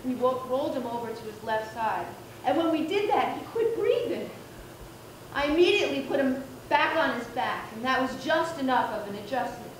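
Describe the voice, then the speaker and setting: An actress playing a female police officer, recounting a scene in a steady, careful way. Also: sits high, normal speed. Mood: grave. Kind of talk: theatre monologue. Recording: echoey stage, faint hiss.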